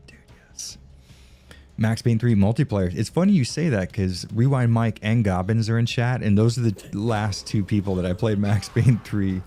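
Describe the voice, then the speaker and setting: Male game streamer, low mellow voice, loose profane chat with viewers. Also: moderate pace, hardly any pauses. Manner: profane, rambling, laughs often. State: tired from no sleep. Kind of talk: casual live-stream chat.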